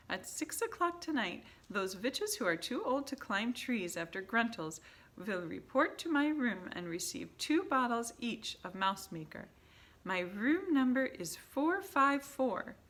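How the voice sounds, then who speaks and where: A woman shouting as the Grand High Witch, high and commanding. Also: sing-song, unhurried. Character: imperious old female witch leader, cruel.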